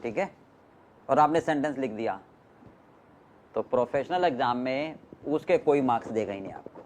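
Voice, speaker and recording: A man lecturing a class in an animated, emphatic way. His pitch swings widely as he stresses key words and keeps checking whether his students follow. He sounds like a teacher in the middle of a lesson. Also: moderate pace, a little hiss or hum. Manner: lively, emphatic, questions the class often.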